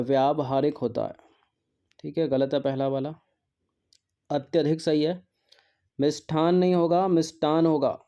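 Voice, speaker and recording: Man, teacher, exam practice lesson, very dark tone, slightly high pitch, repeats words. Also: highs cut off. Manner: repeats words to drill spelling; mixes in English words.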